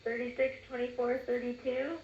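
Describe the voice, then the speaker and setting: A woman in her twenties working a phone chat line who gives brief, flat, matter-of-fact answers. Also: on the high side, normal speed, roomy sound, highs cut off, slight background noise. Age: 20s.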